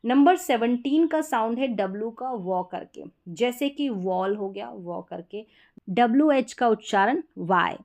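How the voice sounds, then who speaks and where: A woman with a somewhat high voice is teaching a pronunciation lesson. She explains each sound patiently, step by step, and says the example words twice so they sink in. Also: animated, measured pace, darkish tone.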